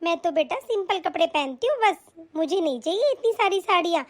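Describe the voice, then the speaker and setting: A woman playing a gentle, humble old aunt. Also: very high voice, lively intonation, a little fast, voice pushed down. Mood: modest. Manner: soft, modest, affectionate. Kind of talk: animated story voice acting.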